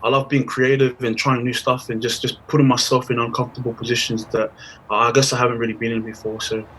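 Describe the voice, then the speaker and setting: A young man talks as a podcast guest. His voice is bright and forward, and his casual chat is playful and full of slang. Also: mid-range voice, little pitch movement, fast talker, a little hiss or hum, rough recording. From Australia. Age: 20s.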